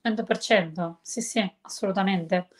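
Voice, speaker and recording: A woman's voice: medium pitch, moderate pace. Chatty woman, English teacher. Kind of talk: casual chat.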